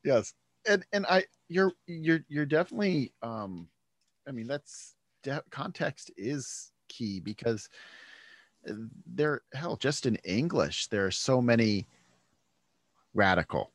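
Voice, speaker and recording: A podcast host chats casually and thinks aloud, often starting his sentences over. His mid-range voice is animated but slow-paced, captured in a dry recording.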